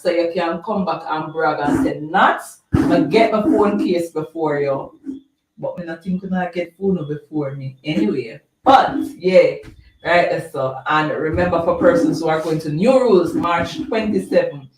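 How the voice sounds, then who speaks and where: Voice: medium pitch, moderate pace, far from the mic, slight background noise. A live-stream host with a Jamaican accent, chatting casually and reading out viewer comments, rambling and repeating words. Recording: roomy sound, voice off-mic.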